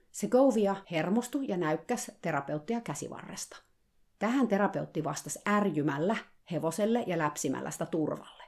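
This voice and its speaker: A woman's voice: on the low side, gravelly, a little mellow. A woman narrating a personal story in a conversational way, with wry, dryly sarcastic asides. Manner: conversational, colloquial.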